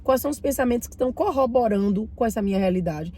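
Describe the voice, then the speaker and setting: Still recovering from a cold, this Bahian woman hosts a mindset and finance channel and talks casually to the camera, reading a book aloud and commenting on it. Her Bahian Brazilian Portuguese accent comes through in a high, expressive, rapid-fire voice, warm and chatty as she speaks straight to viewers.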